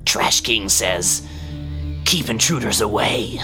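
A man plays a raccoon henchman in a tabletop game. The creature talks in slow, halting, terse phrases, like a dutiful minion. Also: fairly low pitch, expressive, over music. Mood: guarded, obedient. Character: raccoon henchman speaking tersely for its Trash King.

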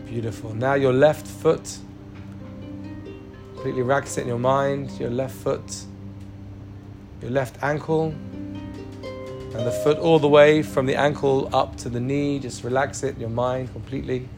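A man leading a guided meditation with calm, soothing instructions. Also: medium pitch, unhurried, long pauses, over music. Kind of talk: guided meditation and body scan.

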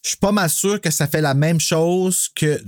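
A man's voice: a little high, normal speed, no echo, clean studio sound. A man with a Quebec French accent in a casual film chat, blunt and joking and swearing freely.

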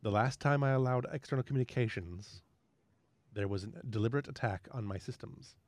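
A man voicing a calm female computer core AI in a tabletop game, with flat, clipped machine phrasing. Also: mid-range voice, fairly quick, no echo, close to an everyday voice. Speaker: game master.

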